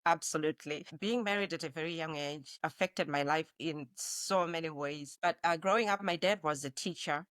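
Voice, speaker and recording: With a low, fairly bright voice, she talks at a normal speed and rarely pauses, though she often restarts as she reflects. She is a woman in her forties from Zimbabwe who works as a nurse practitioner, speaking as a guest in a conversational interview. The recording is dry.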